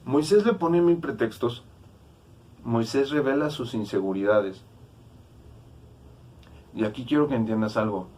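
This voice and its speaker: A man's voice: medium pitch, unhurried, long pauses, a little mellow, a little hiss or hum. A man with a Mexican accent preaching a casual youth sermon, conversational and slangy, often checking in with listeners. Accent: Mexican Spanish.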